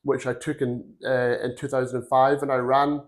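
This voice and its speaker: A man's voice: mid-range voice, level tone, normal speed. A man in his forties, originally from Glasgow, talks through his career as a podcast guest in a rambling, earnest storytelling way. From Glasgow, Scotland. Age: 40s. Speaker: podcast guest, recruitment firm founder. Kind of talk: casual career interview.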